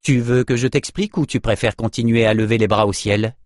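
A self-assured hero explains his risky plan calmly and wryly, read by a man in his own medium-pitched voice. The audiobook sound is dry and close. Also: a little fast, no room sound, lightly acted. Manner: calm, matter-of-fact explaining. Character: calm, self-assured male hero, wry and unruffled.

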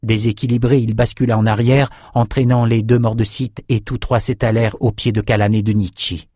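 A man's voice: medium pitch, little pitch movement, mellow, breathy edge, dry recording, clean studio sound. Man narrating a fantasy audiobook. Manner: measured, dramatic reading. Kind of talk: scripted narration.

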